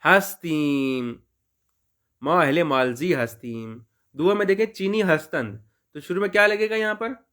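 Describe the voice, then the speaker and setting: A man's voice: high voice, normal speed, a bit bright. A man from Pakistan teaching a Persian language lesson, explaining patiently and repeating and stretching out words for his students.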